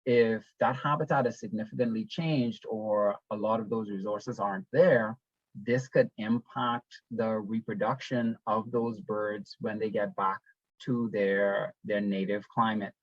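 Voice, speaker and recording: A man's voice: on the low side, measured pace, no echo. Man from the Bahamas, webinar presenter, laid-back with ums, dull dry video-call sound. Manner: relaxed, conversational, with frequent ums and restarts.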